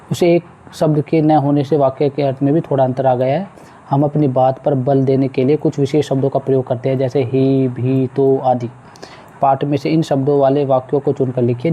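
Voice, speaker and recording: A man's voice: medium pitch, warm tone, breathy edge, highs cut off. A man teaching a school lesson, patiently walking pupils through a textbook exercise and repeating words as he goes. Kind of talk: explaining a textbook exercise to students.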